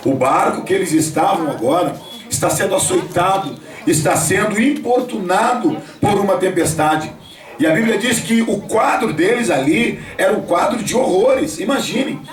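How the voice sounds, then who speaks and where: A man, preaching a sermon at a home worship gathering and speaking directly to his listeners. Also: sits high. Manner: storytelling, addresses listeners directly. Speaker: pastor. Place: home, gathering of family and church members. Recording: echoey room, voice from a distance.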